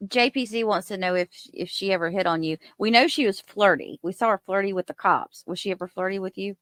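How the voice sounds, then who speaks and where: A woman's voice: mid-range voice, fast talker, fairly bright tone. A woman hosts a livestream interview and asks direct questions in a conversational way. Her voice sounds dry and close, with no room echo. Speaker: livestream host.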